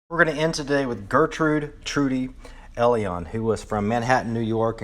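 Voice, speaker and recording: A man, a dermatologist, presenting a history lecture to colleagues at a conference, telling stories about notable figures. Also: on the low side. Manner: admiring, storytelling lecture delivery.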